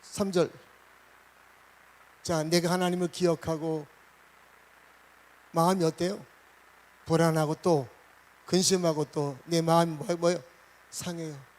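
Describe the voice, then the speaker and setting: Korean pastor preaching, questioning the flock. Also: male voice, on the high side, little pitch movement, measured pace, long pauses, rough recording. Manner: asks the congregation questions, swings between loud and quiet. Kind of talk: sermon.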